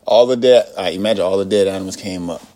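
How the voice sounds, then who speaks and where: A man co-hosting a casual podcast, telling stories in an animated, laughing way and swearing freely. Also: deep voice, very fast, a crowd in the background. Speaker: podcast co-host. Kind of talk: casual chat.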